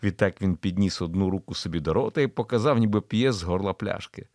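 A man narrating a thriller audiobook in an expressive storytelling delivery. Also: deep voice, fast talker, dry recording, studio quality.

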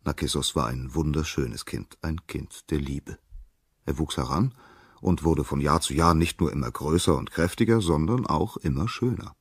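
A man narrating a myth in a calm, measured storytelling manner. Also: rumbling low, breathy edge, dry recording, studio quality.

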